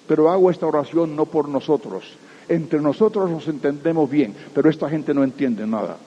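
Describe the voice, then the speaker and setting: A man's voice: on the high side, slight background noise, lightly acted. A man preaching who voices Jesus as a solemn, commanding teacher. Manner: slow solemn prayer, then a loud shouted command. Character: Jesus, a commanding male teacher praying calmly. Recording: echoey hall, dull lo-fi sound.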